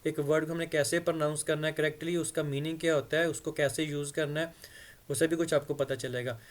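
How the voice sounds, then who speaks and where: A man with a somewhat high, level-toned voice teaches English phrases. He reads every line slowly and with care, then gives a lengthy explanation of what it means.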